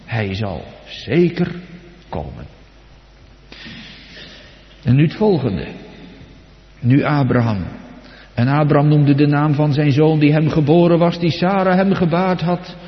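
A man preaching a sermon, dramatic and swinging between soft and loud, putting direct questions to his congregation. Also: on the high side, slow, pauses often. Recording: echoey hall, dull lo-fi sound.

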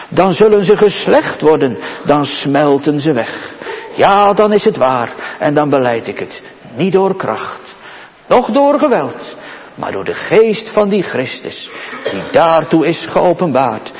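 A man preaches a solemn sermon, drawing his words out slowly and letting them rise to exclamations before sinking to near-whispers. His pitch swings widely and sits a bit high. The sound is muffled and dull, with the long reverb of a large church.

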